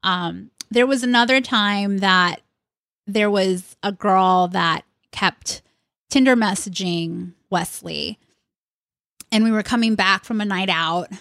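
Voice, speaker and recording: A woman's voice: medium pitch, slow pace, creaky, a bit bright, dry recording, clean studio sound. A woman co-hosting a podcast, talking frankly and chattily about her relationship. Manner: frank and candid, chatty, laughs easily. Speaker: podcast co-host. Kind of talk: casual chat.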